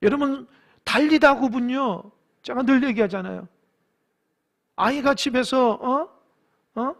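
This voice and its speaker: High-voiced pastor preaching animatedly. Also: male voice, measured pace. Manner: animated storytelling, acting out voices and urging the congregation. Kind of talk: sermon. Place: church sanctuary.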